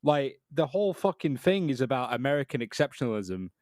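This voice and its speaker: A man's voice: medium pitch, big pitch swings, fairly quick, darkish tone, no room sound, clean studio sound. A British man co-hosting a podcast, chatting casually in a talkative, opinionated way with some swearing. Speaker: podcast co-host.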